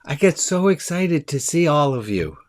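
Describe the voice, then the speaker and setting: He speaks as a rabbi leading a group online through a video call, keeping things casual and chatty. Quick and eager, with a deep, resonant voice, he admits his excitement hurries him along.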